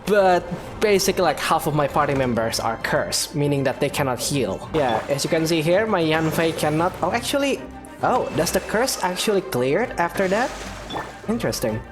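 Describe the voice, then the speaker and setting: Fairly high-pitched and animated, this man speaks at a moderate pace while commenting casually on a game he's playing. He's a gaming YouTuber, reacting chattily with groans and laughs as the game music plays behind him.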